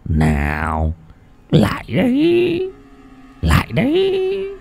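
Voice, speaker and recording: A man voicing an old, potbellied, brutal village chief who talks in a gruff, slurred, wheezing voice. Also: huge pitch swings, drawn-out words, darkish tone, soft background music, heavily acted. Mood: menacing. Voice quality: gruff, booming.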